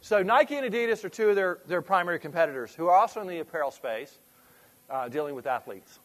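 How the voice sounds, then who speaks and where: A man's voice: high-pitched, expressive, fast talker, a bit bright. A man giving an informal business presentation to a room, asking the audience questions and often restarting his sentences. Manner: conversational, asks the audience questions, trails off and restarts. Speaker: presenter at a fitness club industry meeting.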